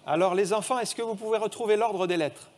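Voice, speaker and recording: A man's voice: high-pitched, quick pace, darkish tone. A man preaching a sermon in a church, reading scripture aloud and quizzing the children with a picture puzzle.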